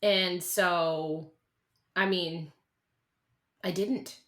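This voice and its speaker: Woman, 30s, interview guest, earnest, halting, bright tone. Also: fairly low pitch, fairly even intonation. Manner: earnest, halting, many restarts. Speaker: guest, country singer-songwriter. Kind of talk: candid interview conversation.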